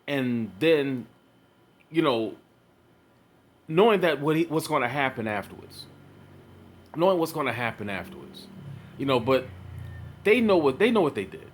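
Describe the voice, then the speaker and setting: A man giving casual reaction commentary, rambling and repeating himself with many fillers. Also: medium pitch.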